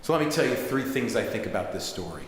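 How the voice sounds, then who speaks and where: A man's voice: mid-range voice, expressive, quick pace. A man giving a sermon as a rabbi, telling a story in a conversational way with asides. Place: synagogue sanctuary. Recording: echoey synagogue hall, faint hiss.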